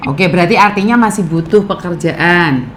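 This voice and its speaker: A woman hosting a call-in talk, calm and direct, giving advice and asking blunt questions. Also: on the low side, normal speed, slight background noise. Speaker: host, advisor. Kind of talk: casual chat.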